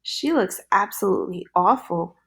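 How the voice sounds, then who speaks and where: A woman voicing a polite, cheerful young girl in a storybook, speaking slowly and wide-eyed. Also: medium pitch, animated, creaky, a bit bright. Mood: hesitant.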